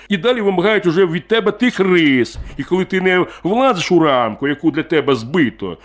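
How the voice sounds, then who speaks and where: A man voicing a bitter, hard-drinking miner of thirty who talks gruffly and heatedly. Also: high voice, pitched above the performer's own voice. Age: 30s.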